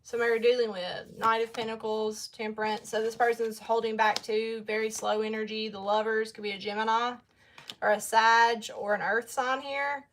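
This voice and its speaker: A woman's voice: fairly high pitch, level tone, normal speed, a bit bright, slight background noise. A young woman giving a casual tarot reading, chatty and blunt, talking straight to her viewers. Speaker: tarot reader.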